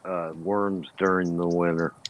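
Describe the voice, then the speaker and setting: A man's voice: low-pitched, little pitch movement, measured pace, lo-fi sound. A man joking and ribbing the others in casual chat.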